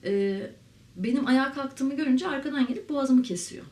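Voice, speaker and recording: A woman in her thirties from Turkey, an interviewee telling her own story in a candid, reflective way with halting fillers. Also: a little high, darkish tone. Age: 30s. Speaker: interviewee, ceramic artist. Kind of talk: personal testimony to camera. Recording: roomy, mic at a distance, faint ambience.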